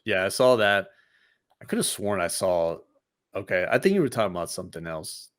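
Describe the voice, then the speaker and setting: A man's voice: low voice, very animated, a little fast. A man in a casual chat about crypto investing, talking in a laid-back, slangy, agreeable way.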